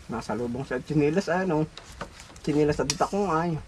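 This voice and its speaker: A man's voice: fairly high pitch, fairly quick, background noise. A man hosting a casual vlog, chatting and telling a funny story over a meal, laughing often. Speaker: vlog host.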